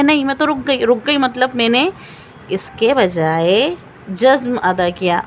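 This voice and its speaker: A woman teaching Quran recitation rules step by step, patiently repeating each example slowly and asking questions she then answers. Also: fairly high pitch, slight background noise, rough recording. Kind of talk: step-by-step Quran reading lesson.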